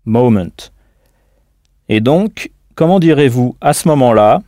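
A man's voice: mid-range voice, animated, slow, dark tone, no room sound. Patient male language teacher, dry studio sound. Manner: patient, spells out words letter by letter and prompts the listener. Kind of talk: recorded audio language lesson.

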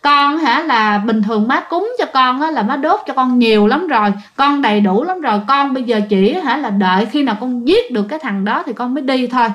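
A woman's voice: high-pitched, lively intonation, a little fast, hardly any pauses, a bit bright, highs cut off. A woman voicing the tearful, bitter ghost of a young man, told in a spoken ghost story.

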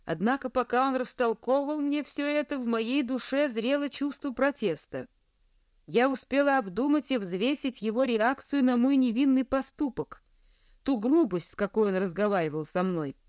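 A woman's voice: a little high, normal speed, darkish tone, no echo. Lady reading a novel in first person, earnest, super dry sound. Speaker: audiobook reader.

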